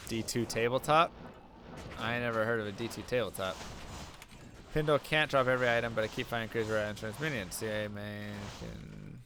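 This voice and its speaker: A young man streams a video game, chatting casually and answering viewers' questions aloud while mentioning that he's losing his voice. His voice is lowish and a little fast, over a noisy background.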